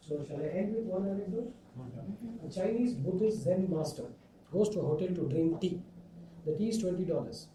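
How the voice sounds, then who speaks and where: A male guest speaker giving a motivational lecture with anecdotes, telling jokes to a class in a lecture room. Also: a little high. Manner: jokey storyteller. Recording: echoey room from far off.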